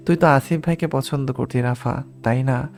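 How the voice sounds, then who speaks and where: A man's voice: medium pitch, level tone, normal speed, a little mellow, natural voice. A man voicing a frightened young woman who pleads urgently, in an audiobook reading. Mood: anxious.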